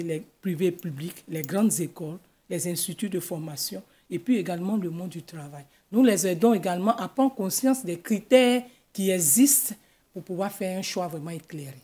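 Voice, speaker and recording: Middle-aged woman, Ivorian French accent, husky mellow voice, guidance counselor on TV, desk mic. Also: on the low side. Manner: measured, explanatory, gestures with her hands. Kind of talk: studio TV interview. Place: TV news studio. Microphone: desk microphone.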